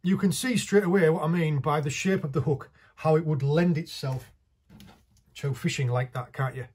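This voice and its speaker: In a small indoor workshop, a man chats practically through a hands-on fishing tutorial as he works with his hands. His voice is a little high and husky, with a darkish tone and moderate pace.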